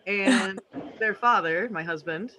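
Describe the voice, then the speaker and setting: A man co-hosting a casual live show from home over a video call, playful and quick to laugh. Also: high voice, pushed and bright, slight background noise. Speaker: co-host of a live online talk show. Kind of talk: casual joking chat. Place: at home, family in kitchen nearby.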